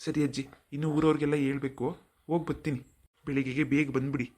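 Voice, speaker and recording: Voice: medium pitch, little pitch movement, quick pace, dark tone, lightly acted. A voice actor playing a polite, respectful young village man in a cartoon. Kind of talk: cartoon voice acting.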